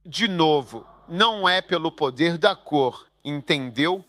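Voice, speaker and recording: A man delivers a sermon as a voice-over, his voice pitched high and bright. He speaks emphatically and keeps turning to the audience with rhetorical questions. The sound is close and dry. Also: animated, slow, no echo. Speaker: preacher.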